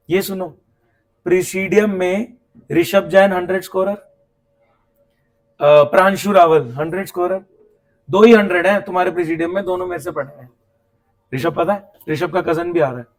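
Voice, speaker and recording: A man teaching an accounts class, lively and talking straight to his students, acting out little dialogues. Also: high voice. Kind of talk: classroom coaching lecture. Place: coaching classroom.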